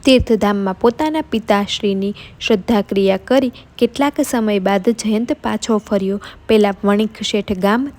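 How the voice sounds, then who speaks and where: A woman tells a devotional vow story in a steady, unhurried narration. Her voice sits at an ordinary middle pitch and keeps an even storytelling pace.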